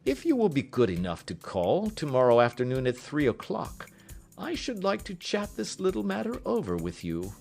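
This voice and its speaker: A man voicing a cool, unruffled gentleman detective with a polite, airy, precise manner, in an audiobook story. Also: fairly high pitch, huge pitch swings, moderate pace, creaky, soft background music, voice pushed up, heavily acted. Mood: courteous.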